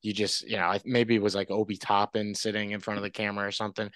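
A man, a guest sportswriter, chatting casually on a podcast in a relaxed, rambling way with frequent restarts. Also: fairly low pitch, very fast, dry recording.

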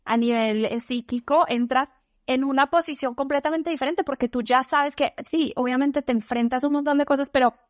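A woman's voice: high voice, steady tone, brisk, no echo, studio quality. A woman hosting a podcast, chatty and empathetic in casual conversation. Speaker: podcast host.

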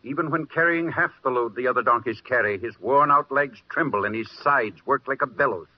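A man's voice: mid-range voice, brisk, natural voice. An actor playing a stern, hard-hearted peasant father who gives curt commands, in an old-time radio drama. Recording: muffled old radio recording.

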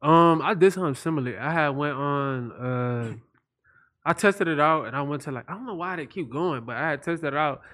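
A young man of about twenty with a slightly high voice, telling stories in a relaxed, slangy casual chat. He drifts from one thought to the next in an easy, unhurried way. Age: 20s. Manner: laid-back storyteller, slangy.

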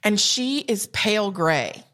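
A woman's voice: medium pitch, expressive, takes it slowly, a bit bright. A woman with a Southern US accent, telling a humorous story in casual podcast chat. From South Carolina and Georgia. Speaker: podcast co-host.

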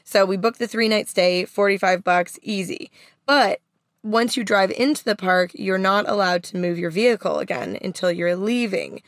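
A woman's voice: medium pitch, normal speed, no echo, clean studio sound. A woman co-hosting a podcast in casual, conversational chat, recorded inside a parked van. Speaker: podcast co-host.

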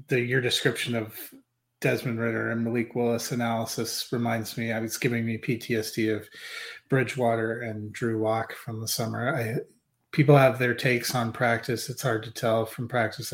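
A man with a mid-range voice co-hosts a football podcast. He talks casually, with a dry, wry edge to his takes. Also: mid-range voice. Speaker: podcast co-host. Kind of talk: casual sports chat.

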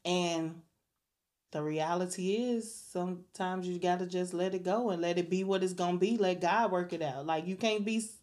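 Low-voiced woman hosting a podcast. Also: steady tone. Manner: warm, churchy exclamations and slow mantra reading. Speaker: podcast host. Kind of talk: casual podcast chat.

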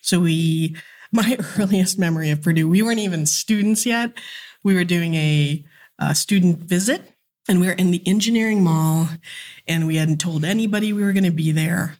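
Woman in her forties, from the Philippines, lowish voice, animated storyteller in an interview. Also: normal speed. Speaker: guest. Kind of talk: casual interview chat.

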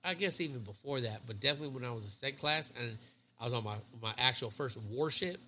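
A man's voice: medium pitch, fast, sharp tone, slight background noise. A man in his thirties, a Navy chief co-hosting a podcast, telling rambling stories in casual chat and swearing a lot. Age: 30s. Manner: profane, rambling storyteller.

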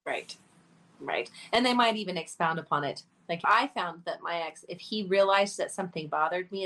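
This podcast co-host has a low-sitting voice with a fairly bright tone. She talks earnestly in a candid, conversational way, laughing often, and the recording quality is poor.

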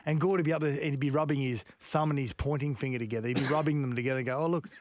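Australian man, sports radio host, chatty storyteller, mid pitch, dry booth. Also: rapid-fire, no room sound. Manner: storytelling, bursts into excited live call. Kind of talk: casual sports radio chat.

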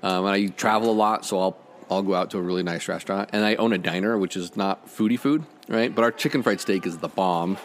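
A man's voice: low-pitched, quick pace, a little hiss or hum. A middle-aged man who owns a diner, chatting casually on a podcast and telling rambling, enthusiastic stories. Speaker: diner owner. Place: diner dining room.

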